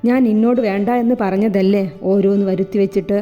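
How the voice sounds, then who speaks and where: A woman's voice: medium pitch, fairly even intonation, fast, natural voice. Woman voicing a curt young man. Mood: irritated. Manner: sharp, scolding. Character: proud young man, quick to blame. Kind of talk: audiobook character voice. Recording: echoey room with faint music.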